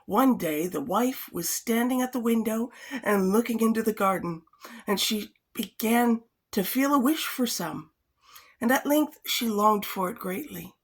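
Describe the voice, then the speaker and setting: A woman's voice: fairly high pitch, a little slow, breathy edge. A woman reading an old fairytale aloud in a casual way, breaking off now and then for wry comments. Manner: chatty, adds wry comments between passages. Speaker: storyteller.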